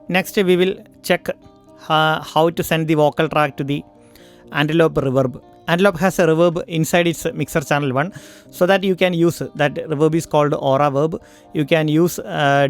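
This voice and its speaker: A man with an Indian English accent walking through audio interface settings in a tutorial, pausing often for mic checks and fillers. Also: a little high. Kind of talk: screen-recorded software tutorial. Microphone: studio microphone.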